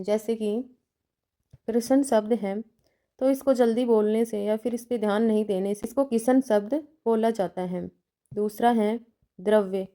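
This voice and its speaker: Female lecturer, methodical, list-by-list delivery; pitched a little high, dark and mellow in tone. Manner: methodical, enumerating numbered points with examples; checks in with "theek hai" between points. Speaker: teacher educator.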